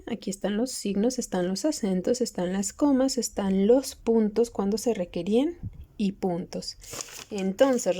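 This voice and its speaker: Lady teacher going over handwriting rules, patient, kinda high and mellow. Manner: patient, explanatory, addresses pupils directly. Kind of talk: classroom lesson explaining writing rules.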